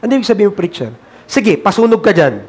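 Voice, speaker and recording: High-voiced Filipino preacher, emphatic. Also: male voice, very animated, quick pace, breathy edge. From Philippines. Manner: emphatic and repetitive, swinging between loud urgency and quiet earnestness. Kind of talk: sermon. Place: church.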